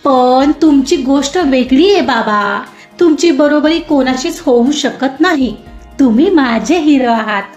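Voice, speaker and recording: A woman voicing a lively, chatty young woman in an audio story, talking expressively to her father. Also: high voice, a little slow. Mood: wistful. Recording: roomy muffled recording, soft music.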